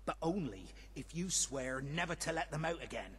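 An actor playing a worried, grudging villager in a video game. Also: male voice, on the high side, lively intonation, moderate pace, fairly bright tone. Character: fretful male villager, wary of chickens.

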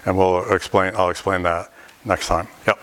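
A middle-aged male lecturer with a lowish voice, speaking in a lecture hall. He thinks aloud as he explains, breaking off and restarting his phrases. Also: flat delivery, moderate pace, a bit bright. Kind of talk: university lecture.

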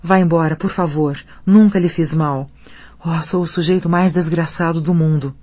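A man's voice: fairly high pitch, fairly even intonation, normal speed, a little mellow, no room sound, lightly acted. A man voicing a frightened, hungry young boy who pleads on the edge of tears.

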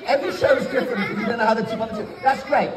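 A man's voice: extremely high pitch, very fast. An older man with an English accent, doing playful, theatrical kids' party magician patter and teasing children as he instructs them. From England. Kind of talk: kids' party magician patter, live comedy stage show. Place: large wood-panelled indoor council chamber. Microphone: audience phone camera from several metres. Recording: echoey hall, distant phone, noisy young audience. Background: crowd of children and adults.

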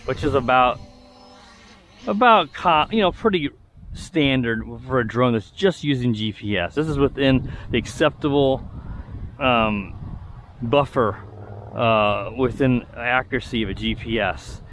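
A drone reviewer rambles casually while flying a drone in a windy outdoor field, his mid-range voice a little slow and full of fillers and restarts. Even with a furry windscreen on his mic, loud wind noise comes through.

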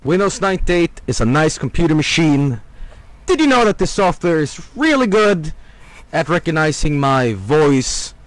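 A streamer's recorded voice played back so it skips and stutters, shouting goofy cartoonish game-style lines. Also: male voice, fairly high pitch, big pitch swings, normal speed, no room sound. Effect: skipping, stuttering playback of his recorded voice. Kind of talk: playback of a recorded voice test.

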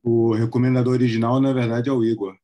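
A man's voice: mid-range voice, little pitch movement, quick pace, warm tone. A man student, chiming in easygoing and informal during a class discussion.

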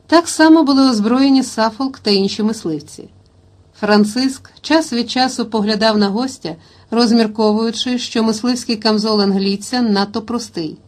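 A woman reading a historical novel aloud as an audiobook narrator, in steady, even storytelling. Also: fairly high pitch, normal speed.

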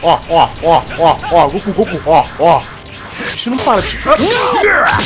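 A young man giving joking, excitable commentary while playing a game, shouting at the action. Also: high voice, measured pace. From Brazil. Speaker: gaming YouTuber. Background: game music.

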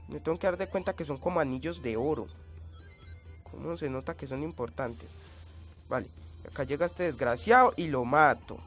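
A man giving gameplay commentary, coughing and sounding changed by a cold, yelping and screaming at in-game hazards. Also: on the high side. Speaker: let's play gamer.

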